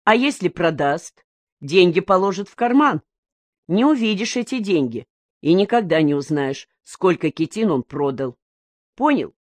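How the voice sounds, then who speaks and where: A calm older fisherman explains things quietly and patiently, as a woman reads him in an audiobook. The delivery is steady and close, with a dry sound. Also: on the low side, a little slow, dry recording.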